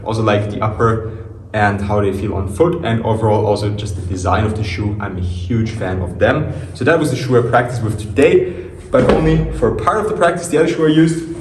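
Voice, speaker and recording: A man's voice: lowish voice, fairly quick. A man giving a casual shoe review as a vlog in a locker room, recorded without a proper microphone. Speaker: basketball player and shoe reviewer presenting a vlog. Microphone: camera or phone mic at a distance, no proper microphone. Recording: echoey locker room, distant mic, faint noise.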